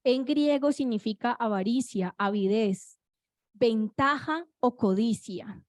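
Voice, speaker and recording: A woman's voice: on the high side, slow, dry recording. A woman preaching a sermon in a church, in a conversational, confiding way, often checking in with the congregation.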